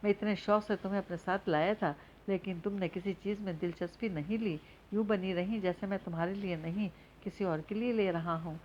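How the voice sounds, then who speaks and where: A woman's voice: mid-range voice, steady tone, fairly quick, few pauses, darkish tone, muffled recording, a little hiss or hum, natural voice. A woman voicing a playful, affectionate young man in a novel reading, in a plain reading voice. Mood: reproachful.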